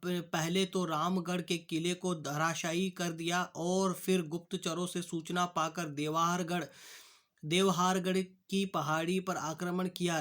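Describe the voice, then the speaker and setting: A young male teacher goes through textbook questions one by one, stopping and restarting his words as he goes. His voice sits high and sounds bright and forceful. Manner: halting, repeats "ठीक है" and restarts words. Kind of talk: classroom lesson explaining answers.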